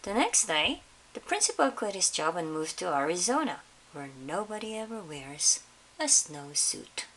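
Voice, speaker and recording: A woman reading a picture book aloud to children in an expressive storytelling style, pausing to put questions to her listeners. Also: fairly low pitch, rough recording. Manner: pauses to question young listeners. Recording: faint background hiss.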